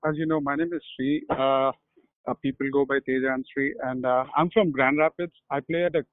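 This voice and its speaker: A man's voice: medium pitch, steady tone, a little fast, no echo. A man from Hyderabad, a guest cricket player speaking modestly over a phone call. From Hyderabad, India. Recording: tinny phone line.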